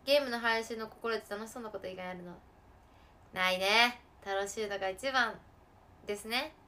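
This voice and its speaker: A woman chatting casually on a live stream while she plays a game. She laughs often and breaks into sudden loud outbursts. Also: medium pitch, normal speed.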